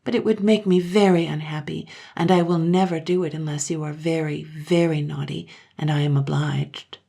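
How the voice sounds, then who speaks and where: A woman voicing a gentle, sorrowful mother who speaks softly and slowly. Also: sits low, fairly even intonation, creaky. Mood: tender. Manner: soft and slow.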